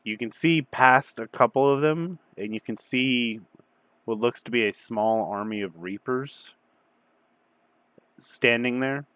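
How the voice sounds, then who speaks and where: A man acting as game master, improvising narration for a tabletop game in an informal, halting way. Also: mid-range voice, fairly bright tone, dry recording.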